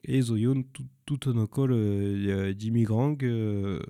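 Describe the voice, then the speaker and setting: A man speaks slowly in a smooth, mellow voice, stopping often to search for words in a language that is not his own. He is recommending films in a dry, close recording. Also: on the low side, dry recording. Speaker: film presenter. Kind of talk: informal spoken film recommendations.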